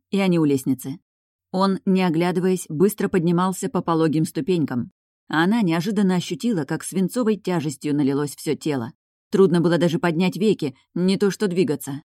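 A woman reading an audiobook in a calm, measured narrating voice. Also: on the low side, no room sound, studio quality. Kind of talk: scripted narration.

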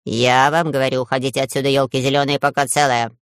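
A woman voicing a small, bearded, grumpy male forest gnome who grumbles and scolds in a low, gruff voice for a children's audiobook. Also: flat delivery, fast talker, dry recording, clean studio sound. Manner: suspicious, scolding.

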